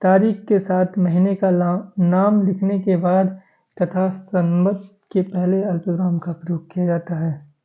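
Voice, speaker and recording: Male grammar teacher, flat and slow, lists points by number, tinny phone-like recording. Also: high-pitched. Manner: steady, listing points by number. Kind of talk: exam-prep grammar lesson.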